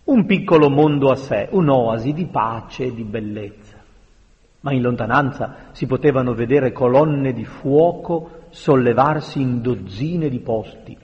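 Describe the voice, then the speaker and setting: Guy reading a novel out loud, slow and steady, echoey room. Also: medium pitch, lo-fi sound. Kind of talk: audiobook narration. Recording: long reverberant room sound.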